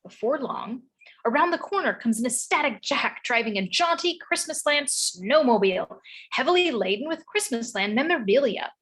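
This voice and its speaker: A woman's voice: high-pitched, animated, moderate pace, a bit bright, breathy edge. A woman narrating the stage directions of a script in a read-through.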